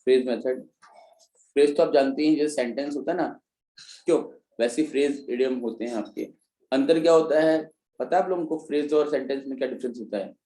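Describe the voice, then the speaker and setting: A man gives a spoken classroom lecture to an exam-prep class, explaining step by step and frequently checking in with his students. His mid-range, mellow voice moves a little fast, and the recording is rough with a roomy sound.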